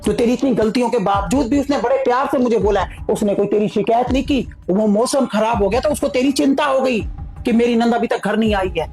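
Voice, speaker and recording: A woman's voice: a little high, brisk, dark tone, faint music behind, lightly acted. A woman playing a stern middle-aged mother who lectures her daughter with emphatic repetition. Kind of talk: family drama acting.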